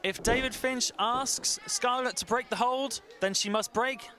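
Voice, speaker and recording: A man's voice: extremely high pitch, unhurried. A man giving live colour commentary on wrestling, bantering and arguing, openly taking sides. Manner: opinionated, openly partisan, argumentative. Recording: loud crowd and noise behind. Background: wrestling crowd.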